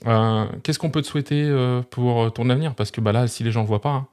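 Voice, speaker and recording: Here a fast-talking tech reviewer demonstrates equipment for his audience, keeping things casual and conversational. His voice sits at medium pitch and sounds clear, resonant, and darkish.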